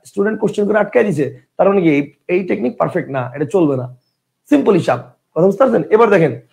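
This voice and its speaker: A man, teaching a class and asking his students questions in a lively way. He says he is tired after a long day of teaching. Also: sits high, creaky. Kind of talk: classroom lecture.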